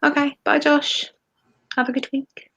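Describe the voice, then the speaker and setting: A woman's voice: sits high, flat delivery, unhurried, gravelly, a bit bright, lo-fi sound. A woman co-hosting a casual livestream discussion over a video call, rambling and hesitant with many ums. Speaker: co-host.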